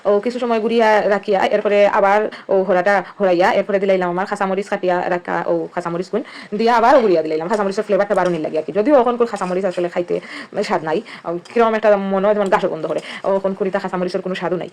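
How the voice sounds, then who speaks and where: A woman's voice: medium pitch, very fast, darkish tone. A woman with a Sylheti accent, chatting casually as she walks through a home recipe step by step. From Sylhet, Bangladesh. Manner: chatty, explains each step as she cooks. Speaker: cooking vlogger. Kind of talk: casual cooking narration.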